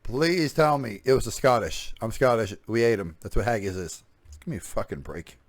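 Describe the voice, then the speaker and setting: A man's voice: lowish voice, normal speed, dry recording. A man giving a sarcastic, profane reaction commentary on a podcast clip, sounding exasperated.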